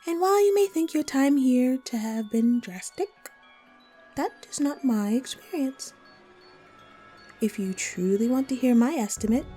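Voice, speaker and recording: A woman voicing a teasing, riddling female cat from Wonderland in an audio roleplay, coy and playful with drawn-out, whimsical phrasing. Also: high-pitched, mellow. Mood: coy, amused. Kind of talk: scripted audio roleplay addressed to the listener.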